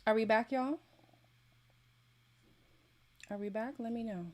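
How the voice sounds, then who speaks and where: A woman's voice: a little high, fast talker, darkish tone. A woman hosting a casual livestream, giving emphatic, opinionated commentary in a sassy way. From Toronto, Canada. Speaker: livestream host.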